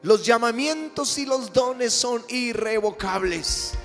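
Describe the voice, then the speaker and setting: A middle-aged man preaches with fervor, his high voice climbing into shouts. His tone is bright and ringing, and it carries through a large hall with long reverb. Soft music plays faintly beneath him. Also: takes it slowly, gravelly. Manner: impassioned, rising to shouts. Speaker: pastor. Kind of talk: sermon.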